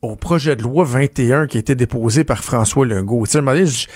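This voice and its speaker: A man's voice: medium pitch, fast, a little mellow, dry recording, studio quality. A man with a Québécois accent hosting a casual debate, speaking with wry remarks and hesitant, stammering starts. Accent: Québécois French. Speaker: host. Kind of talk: casual talk show debate.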